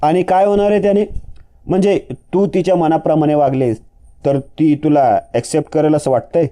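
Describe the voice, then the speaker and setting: A man's voice: fairly high pitch, steady tone, normal speed, mellow, lightly acted. A man voicing a caring young man who talks earnestly and insistently.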